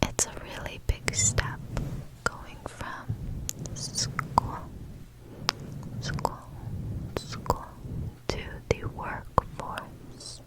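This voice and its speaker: Female ASMR host, whispered pep talk, extremely unhurried, soothing and encouraging delivery. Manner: soothing, reassuring, repeats words gently.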